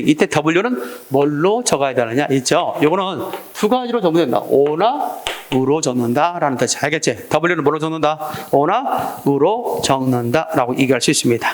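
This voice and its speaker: A man's voice: a little high, a little hiss or hum. A man teaching an exam-prep Korean language lecture, drilling students with call-and-response prompts. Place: lecture classroom.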